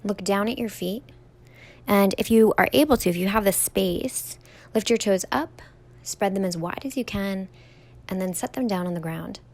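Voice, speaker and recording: Gentle woman guiding a meditation. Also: mid-range voice. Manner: slow, gentle, soothing guidance with soft drawn-out words. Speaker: yoga teacher. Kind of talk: guided meditation instruction.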